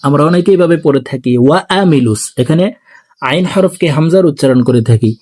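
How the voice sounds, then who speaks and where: A man teaching Quran recitation, explaining pronunciation rules and then reciting verses slowly and drawn out for viewers to repeat after him. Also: fairly high pitch, dark tone.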